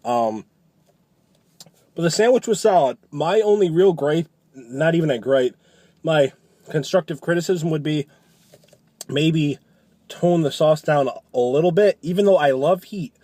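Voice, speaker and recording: A man's voice: fairly high pitch, a little slow, pauses often, mellow, no room sound. Casual man reviewing food, dry close sound.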